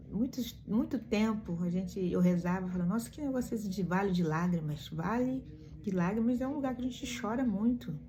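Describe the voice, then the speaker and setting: A woman's voice: medium pitch, dark tone, slight background noise. A woman giving a morning devotional reflection, telling stories and asking the listeners rhetorical questions. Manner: emphatic storytelling with rhetorical questions.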